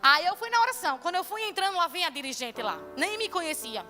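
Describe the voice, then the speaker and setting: A woman's voice: very high-pitched, lively intonation, quick pace, bright, forceful tone, soft background music. A woman preacher giving a fervent, exclamatory testimony sermon to her church congregation. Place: church service.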